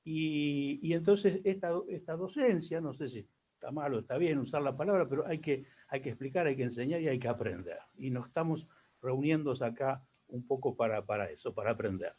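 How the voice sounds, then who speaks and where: A man with an Argentine accent hosting an online panel, speaking haltingly and searching for his words over a video call. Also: medium pitch, warm tone, breathy edge. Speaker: host.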